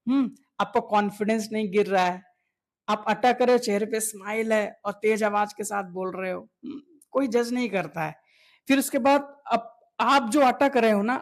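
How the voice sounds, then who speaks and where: A man who makes videos, coaching viewers in an earnest motivational talk that repeats key points and asks rhetorical questions. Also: very high-pitched. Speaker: video creator coaching on fluent speaking.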